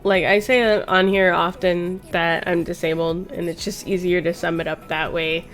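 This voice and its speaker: With background music behind her, a streamer in her thirties talks in a lowish voice at a moderate pace and level tone, sharing personal anecdotes in a loose, sweary, rambling style.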